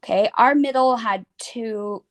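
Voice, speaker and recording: A woman's voice: fairly high pitch, a little slow. A young woman teaching a children's phonics lesson, chatting casually and saying "like" a lot as she draws. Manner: casual, chatty, says "like" often while drawing.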